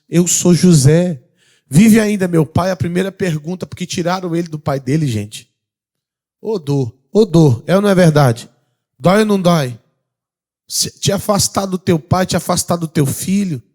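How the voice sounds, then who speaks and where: The high voice belongs to a pastor with a Brazilian Portuguese accent giving a sermon. He questions the congregation and shifts from loud calls to quiet stretches.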